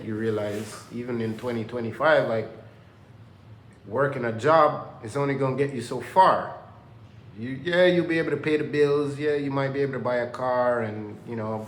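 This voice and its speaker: A man's voice: lowish voice, a bit bright, a little hiss or hum. Rambling man in an echoey room. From Jamaica. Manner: loose, rambling, preachy self-motivation talk. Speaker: vlogger. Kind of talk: casual talking to camera. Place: indoor workplace under renovation. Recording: echoey room with faint ambience.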